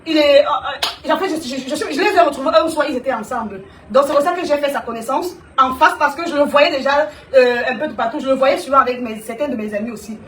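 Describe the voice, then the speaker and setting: A woman speaking live to her viewers, animated and teasing, addressing them directly. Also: high voice, quick pace, few pauses, reverberant, recorded from a distance, a little hiss or hum. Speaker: live streamer. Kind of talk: live stream monologue to viewers.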